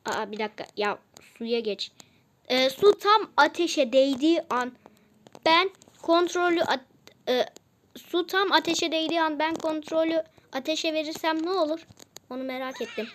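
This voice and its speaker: A woman's voice: high-pitched, normal speed, a bit bright. A woman casually commenting on a mobile game as she plays, chatty and easily exasperated, often repeating herself.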